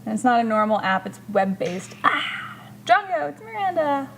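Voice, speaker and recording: A woman's voice: high-pitched, very animated, moderate pace, fairly bright tone, slight background noise. Chatty woman hosting a hobby stream. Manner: chatty, reads out and answers viewer comments. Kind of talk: casual livestream chat while painting.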